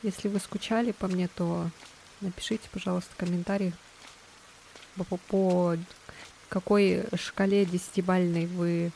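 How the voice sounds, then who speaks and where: A woman doing casual let's-play commentary as a game streamer, chatty and quick to exclaim and giggle in reaction. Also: fairly low pitch, level tone, vocal fry, warm tone, a little hiss or hum, poor audio.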